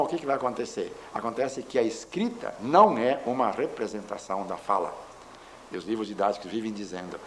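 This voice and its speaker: A man giving a measured lecture, explaining with examples. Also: medium pitch, poor audio. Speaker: linguistics lecturer. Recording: faint background noise.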